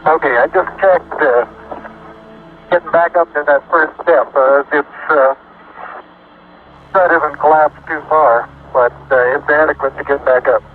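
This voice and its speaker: A man giving a halting radio report with many pauses, fading in through static on an old archive transmission. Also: a little high, narrow, tinny audio.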